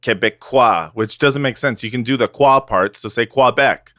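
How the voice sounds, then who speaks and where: Male comic podcast co-host, mid-pitched, rambling banter, dry close mic. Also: moderate pace, bright, forceful tone, no room sound. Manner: joking, rambling with fillers. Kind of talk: casual comedic podcast chat.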